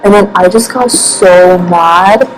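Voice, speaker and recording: A woman's voice: lowish voice, slow, rough recording. A young woman answering interview questions casually, rambling with many fillers and restarts. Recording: background music.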